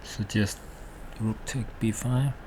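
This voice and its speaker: Slow-talking man commentating over noise. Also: lowish voice, fairly even intonation. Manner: halting, thinking aloud. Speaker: amateur chess commentator. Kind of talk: casual live game commentary. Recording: clearly noisy background.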